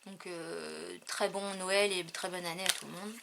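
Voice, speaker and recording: A woman's voice: fairly low pitch, fairly even intonation, measured pace, gravelly, noisy background. A woman chatting casually about her craft purchases, hesitant and full of fillers. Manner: hesitant, many fillers, trailing off. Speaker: craft haul vlogger. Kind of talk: casual chat showing purchases.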